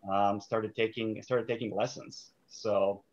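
A man's voice: on the low side, steady tone, measured pace, darkish tone. A man from Serbia in his thirties, a sport psychologist guest speaking thoughtfully with many fillers and restarts over a video call. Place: small room indoors. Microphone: video call webcam. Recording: dull lo-fi call audio.

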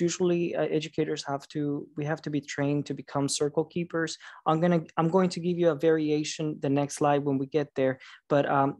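A male trainer with a flat, even delivery explains material in an online presentation. He speaks haltingly, pausing and hesitating often as he goes. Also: a little high. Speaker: teacher trainer, webinar presenter.

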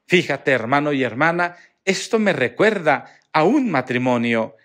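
Slow, animated priest preaching. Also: male voice, a little high. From Mexico. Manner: expressive storytelling, acts out quoted voices. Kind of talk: Mass readings and homily.

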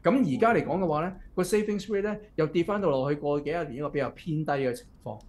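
A man's voice: on the high side, fast talker, a little mellow. A man with a Hong Kong Cantonese accent giving chatty economics commentary, often checking in with "OK?" as he walks through a chart. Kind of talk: casual explanatory commentary. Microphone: computer mic while screen-sharing.

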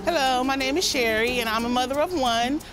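A woman's voice: high voice, a little fast, noisy background. A middle-aged mother shopping for a birthday car on an outdoor lot. She is blunt and skeptical, pressing for numbers.

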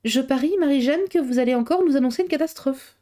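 Light teasing young lady, as a woman reader puts her on, a bit higher. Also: fast, warm tone, close to an everyday voice.

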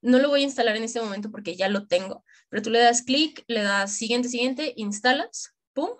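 Her voice a little high and her speed normal, a young Mexican woman from Michoacán runs a casual screen-share tutorial aimed at medical students. She speaks with a Mexican accent, in slangy everyday language, directly to her listener.

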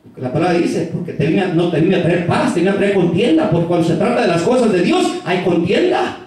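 A man's voice: high voice, animated, brisk, darkish tone. A male pastor preaching a fervent sermon, calling out to the congregation again and again. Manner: fervent, repeatedly calling out "hermano". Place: church. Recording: echoey church from far off.

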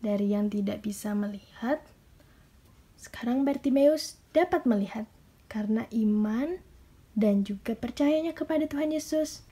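A young Sunday school teacher with an Indonesian accent, speaking to little children in a sing-song, coaxing storyteller's voice. Her tone is mellow and a little husky, pitched slightly high for a woman. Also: unhurried.

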